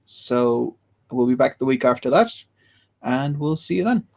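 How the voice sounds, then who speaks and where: A man's voice: mid-range voice, lively intonation, measured pace, gravelly, darkish tone. A man co-hosting a writing podcast, chatting casually and explaining ideas with enthusiasm. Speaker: podcast co-host. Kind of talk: casual chat about writing.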